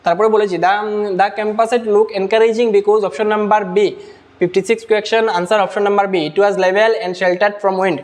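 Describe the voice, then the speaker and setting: A man working through exam answers, reading each English question out slowly and then explaining it in Bengali mixed with English terms. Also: high voice, level tone. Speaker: exam-prep teacher.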